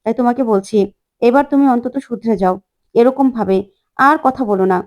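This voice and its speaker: A lecturing old grandmother who moralizes and scolds, as a woman puts her on. The voice sits fairly high but mellow and soft-edged. She delivers her rebukes in a storytelling recap. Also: brisk, lightly acted. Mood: scolding. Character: scolding elderly grandmother, stern and preachy.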